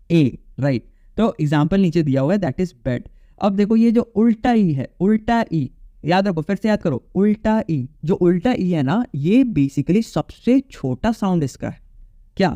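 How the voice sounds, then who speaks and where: A male English teacher with a high-pitched, warm voice gives a casual exam-prep lecture on phonetics, repeating his points and checking in with students by asking "okay?". The sound is lo-fi with no echo.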